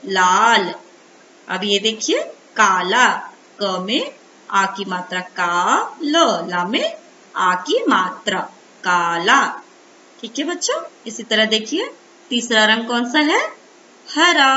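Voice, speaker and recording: Female teacher for a primary school Hindi lesson, bright, lively sing-song delivery, echoey room, dull lo-fi sound with faint hiss. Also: on the high side. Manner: slow, sing-song sounding out of letters to children.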